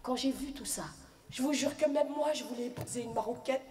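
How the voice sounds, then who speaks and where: A woman performing stand-up comedy, telling stories in a lively way. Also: high voice, a little fast, roomy sound. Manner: lively, storytelling.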